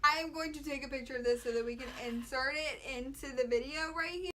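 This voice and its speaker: Bright, high-voiced young American woman. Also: fast. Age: young adult. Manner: animated, slangy, quotes dialogue. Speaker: vlogger telling a story with a friend. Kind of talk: casual chatty storytelling. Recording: clear background noise.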